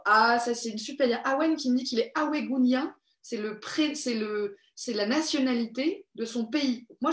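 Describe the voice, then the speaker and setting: A woman hosting a live online creative workshop for children, cheerful and encouraging as she reads out viewers' comments. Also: fairly high pitch. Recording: echoey room.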